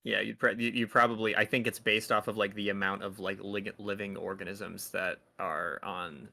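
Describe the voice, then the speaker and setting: A man's voice: lowish voice, steady tone, moderate pace, gravelly, pushed and bright. A man running a tabletop game as dungeon master, explaining rules in a loose, rambling way with lots of "like" and restarts. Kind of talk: casual tabletop game chat.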